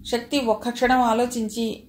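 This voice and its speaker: Woman narrator for an audio novel, raised pitch, roomy echo. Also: level tone, moderate pace, darkish tone, a little hiss or hum. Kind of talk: reading a novel aloud.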